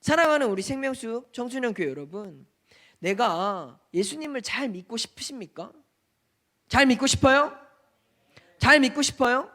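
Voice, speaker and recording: A man preaching a Sunday sermon as youth pastor, questioning his listeners and acting out quoted voices. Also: extremely high pitch. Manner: animated preaching with many questions to the audience. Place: church sanctuary.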